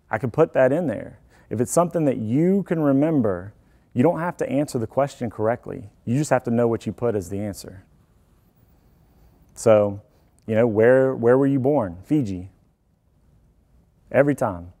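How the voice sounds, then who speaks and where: Male presenter, casual tech talk, warm mellow tone, easygoing and joking with the room. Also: medium pitch. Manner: chatty, self-deprecating, joking asides. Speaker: IT security presenter.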